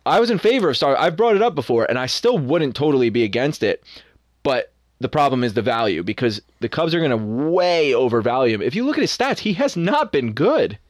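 A young man co-hosting a podcast in a casual sports chat, opinionated and animated. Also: mid-range voice, dry recording, studio quality. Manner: opinionated, animated, quick asides. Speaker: podcast co-host.

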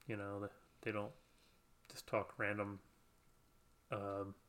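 A podcast co-host chats casually, rambling and poking fun at himself while laughing often. His voice is lowish, level and slow, with a slightly bright tone.

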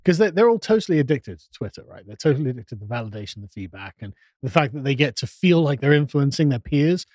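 A man's voice: medium pitch, very animated, quick pace, hardly any pauses, a little mellow, no room sound. A man co-hosting a live podcast, chatting casually, laughing often and mimicking voices. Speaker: podcast co-host. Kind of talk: casual banter on a live stream.

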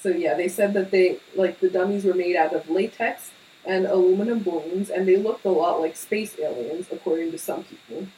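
A young woman co-hosts a podcast, chatting casually with plenty of fillers and tangents. Her voice sits on the low side with a dark tone, and she talks at a normal speed. The mic is slightly distant, with a faint hiss.

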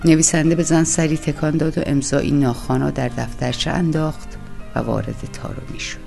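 A woman reading a novel aloud as narrator, in a calm, measured storytelling voice. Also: low voice, gravelly, music in the background. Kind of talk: audiobook reading.

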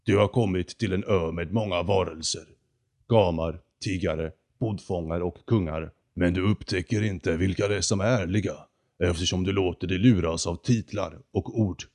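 A man voicing an arrogant male talking condor in a storybook reading, with a deep, hoarse voice and a slow, haughty, lecturing manner. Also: a little mellow.

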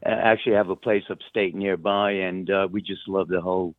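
A US man with a low, steady voice speaks fairly quickly, with no room sound. He's a musician guest calling in over a narrow-band phone line, chatting casually in an interview in an informal, rambling, hesitant way.

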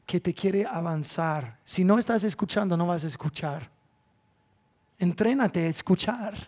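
A man, a pastor preaching a sermon in church, swinging from loud, drawn-out appeals to hushed asides. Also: high voice.

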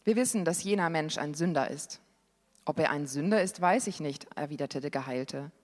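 A woman reading a Bible passage aloud in a church service, with an expressive reading that lifts on the quoted questions. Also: low-pitched, moderate pace. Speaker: scripture reader. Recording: long hall reverb.

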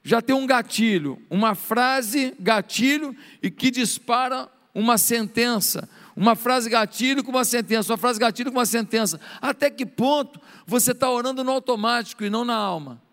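A Brazilian pastor, a middle-aged man, preaches with a high, light voice, moving between lively appeals and hushed, acted-out prayers. His words ring out in a church hall with a long, trailing reverb. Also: moderate pace, hardly any pauses. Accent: Brazilian Portuguese. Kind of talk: sermon.

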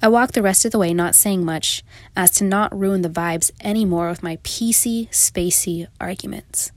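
A woman's voice: mid-range voice, normal speed, no room sound. A young adult woman reading her own first-person story in a reflective, confessional manner. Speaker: narrator. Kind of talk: first-person memoir narration.

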